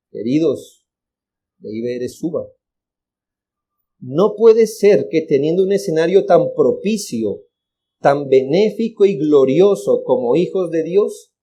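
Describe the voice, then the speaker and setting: A man's voice: on the high side, dark tone. A male pastor with a Colombian accent preaching an earnest, exhorting sermon and repeating words for emphasis. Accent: Colombian Spanish.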